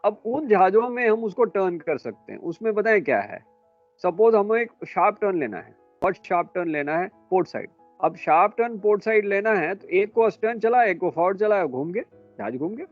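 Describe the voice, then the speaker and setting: A man lecturing students in a classroom, brisk and a little scolding as he quizzes them. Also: high voice, very animated, muffled recording, soft background music. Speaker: instructor.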